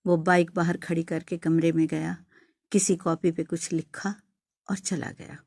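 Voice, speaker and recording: A woman's voice: fairly low pitch, little pitch movement, a little mellow, no echo, clean studio sound. A woman narrating an emotional first-person story in a heartfelt, dramatic way. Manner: heartfelt and dramatic, rising to wailing pleas.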